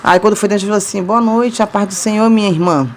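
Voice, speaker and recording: A woman from Rio de Janeiro, Brazil, speaks Brazilian Portuguese with a Rio accent, talking fast at a medium pitch, with a little hiss or hum in the recording. She tells viewers her love story in a casual, chatty way, frequently laughing between sentences.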